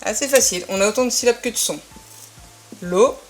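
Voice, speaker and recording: A woman's voice: on the high side, very fast, faint music behind. A woman teaching syllables, sounding them out one by one in a patient, careful way. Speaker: French teacher. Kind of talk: slow, careful spoken lesson.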